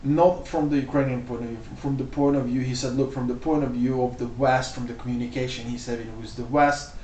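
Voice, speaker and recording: A man giving casual spoken commentary, loose and rambling, padding his points with "like" and "you know". His voice sits at an ordinary middle pitch. The room rings around him and the mic sits some way off. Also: steady tone, a little fast, darkish tone, a little hiss or hum. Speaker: vlogger. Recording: roomy sound, mic off at a distance.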